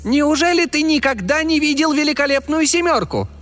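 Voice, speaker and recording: A man's voice: extremely high pitch, moderate pace, fairly bright tone, soft background music, pitched above the performer's own voice. A man voicing a proud, scornful male fairy who makes grand, contemptuous boasts. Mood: grandiose.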